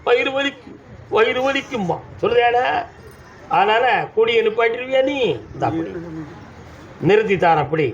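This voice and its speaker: Man, southern Tamil accent, temple oracle, high voice, commanding, scolding, dull recording. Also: lively intonation, normal speed, long pauses. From Tamil Nadu. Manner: commanding, scolding, calls devotees "da". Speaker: temple oracle speaking as the deity. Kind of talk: trance oracle addressing devotees. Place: village temple. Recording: dull audio with faint background noise.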